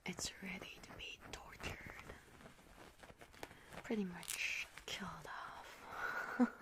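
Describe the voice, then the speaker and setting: A gleeful young witch casting hexes, as a woman whispers her, in a whispered role-play. She talks slowly and unhurriedly, playfully sinister and chatty, at a middling pitch. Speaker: ASMR creator.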